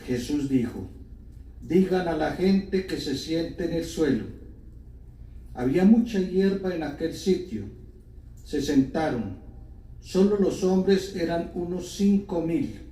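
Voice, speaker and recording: Slow man's voice in cathedral echo. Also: on the high side, mellow. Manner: measured, deliberate proclamation. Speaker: priest reading the Gospel at Mass. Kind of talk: solemn liturgical scripture reading. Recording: echoey church, cathedral-like echo, distant mic.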